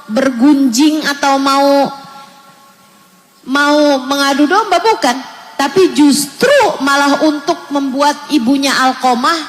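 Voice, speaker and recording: High-voiced woman preaching in an echoey hall. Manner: earnest, addresses mothers directly, warm coaxing. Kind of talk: sermon. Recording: echoey hall with faint ambience.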